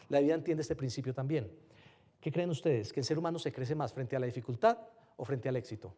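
A man giving an animated motivational talk to a live audience, often firing rhetorical questions at them. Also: a little high. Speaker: motivational speaker.

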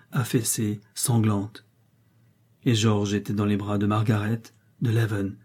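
A husky male narrator reads a classic adventure novel in a measured, dramatic style. His tone is dark and relaxed. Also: mid-range voice. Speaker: audiobook narrator.

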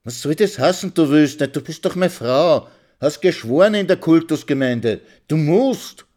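A man's voice: mid-range voice, slow pace, pitched above the performer's own voice, close to an everyday voice. A man doing a stuttering hot-headed young pimp. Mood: heated. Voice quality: stuttering, hasty. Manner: pleading, then shouting heatedly.

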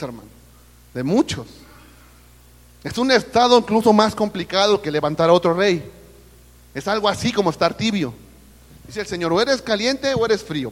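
The room sounds big around this Mexican preacher, whose voice is high-pitched and carries a Mexican Spanish accent. During the church service he addresses his listeners as brother and asks the congregation questions.

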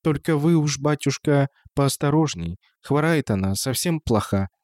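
A man's voice: on the high side, expressive, moderate pace, darkish tone, dry recording, studio quality, voice pushed up, natural voice. A man voicing a simple-spoken female housemaid who talks in an anxious, whispery, folksy way.

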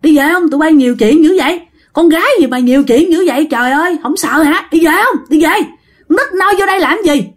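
Woman doing a shrill scolding older man, southern Vietnamese. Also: quick pace, close to an everyday voice. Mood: angry scolding. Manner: scolding, exclaiming. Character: agitated older man scolding nosy girls.

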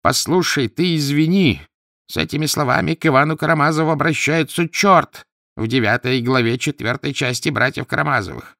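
A man's voice: on the high side, fairly quick, creaky, pushed and bright, no echo, studio quality, voice pushed up. A man voicing a frightened old woman scholar who speaks in a trembling, agitated way. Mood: shaken.

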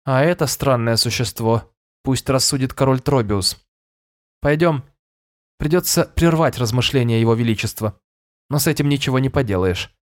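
A man's voice: medium pitch, moderate pace, natural voice. A man voicing a nonchalant fairy woman who speaks in a cool, offhand way.

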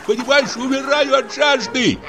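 Man voicing tipsy blustering man, high lively voice, pleading and flustered, audiobook, music behind. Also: unhurried, background noise. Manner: pleading, then cursing and flustered. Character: tipsy, tired, blustering middle-aged man. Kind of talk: audiobook character voice.

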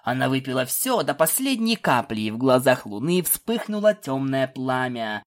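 A narrator reading fan fiction aloud in an expressive, animated way. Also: mid-range voice, normal speed.

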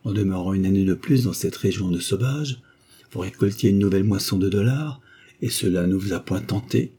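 A proud young duke who demands answers and stands on his dignity, voiced by a man reading the book aloud. His voice sits low and mellow, with a husky grain. The figure is voiced in a classic French audiobook reading. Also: brisk.

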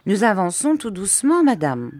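A woman voicing a mild, timid country doctor who speaks gently and deferentially. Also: mid-range voice, big pitch swings, normal speed, dry recording. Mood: soothing.

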